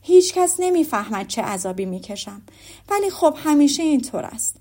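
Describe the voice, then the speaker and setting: A woman voicing a fretful, complaining middle-aged mother, shrill and self-pitying, in an audiobook. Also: sing-song, dark tone. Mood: scolding. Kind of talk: audiobook character voice.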